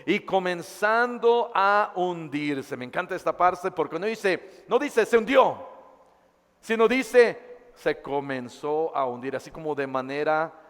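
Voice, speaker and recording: High-voiced pastor preaching slowly. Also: male voice, long reverb tail. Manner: dramatic, swings between loud and hushed, reads scripture aloud. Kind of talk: sermon. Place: church.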